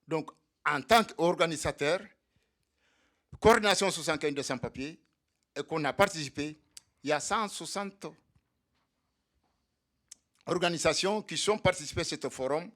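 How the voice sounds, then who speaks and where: High-voiced man rallying comrades. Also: moderate pace, long pauses, fairly bright tone. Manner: militant, repetitive rallying address to comrades. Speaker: activist speaker for undocumented migrants. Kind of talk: speech at a solidarity evening. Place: meeting hall.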